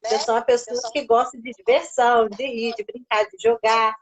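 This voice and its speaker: A woman's voice: fairly high pitch, level tone, moderate pace, a crowd in the background, rough recording. A woman with a Brazilian Portuguese accent, a guest on a live stream, telling a personal faith story and acting out the voices she quotes.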